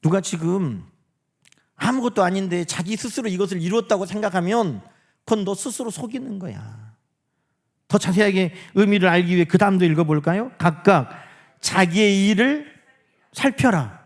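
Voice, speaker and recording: Male pastor, sermon delivery: reads scripture slowly, rhetorical questions, emphatic peaks falling to hushed whispers, animated pitch. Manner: preaching with rhetorical questions to the congregation; swings from loud emphasis to hushed near-whispers.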